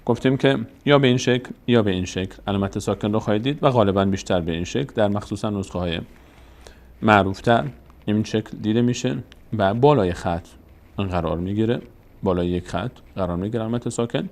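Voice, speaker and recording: A man's voice: on the low side, a little mellow. A man with a Tajik Persian accent teaching Quranic reading signs step by step, patient and explanatory, often asking and answering his own questions.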